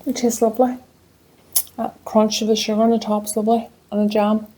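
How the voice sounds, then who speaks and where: A woman with a soft, mellow Northern Irish voice chats away in her home kitchen. She is homely and easygoing, talking viewers through her baking while she tastes it. The feel is a relaxed cooking vlog. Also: a little high, fairly quick. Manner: chatty and homely, talks while tasting. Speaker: cooking channel host.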